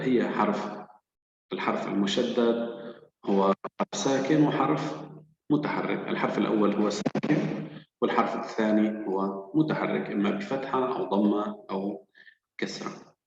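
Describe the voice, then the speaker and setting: Patient low-voiced male teacher, echoey hall. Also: creaky. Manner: slow, patient, drawn-out syllables. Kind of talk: children's reading lesson. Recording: echoey, dull, hall-like room.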